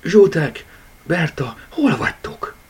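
Brief: a little storybook girl, sleepy yet bossy, high, husky and lively, as a man puts her on. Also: heavily acted. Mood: puzzled. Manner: high, breathy child voice.

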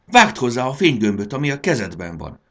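A man's voice: lowish voice, huge pitch swings, creaky, breathy edge, voice pushed up, full character voice. A man voicing an earnest, anxious young boy in a storybook reading, urgent in his calls. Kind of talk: audiobook character voice.

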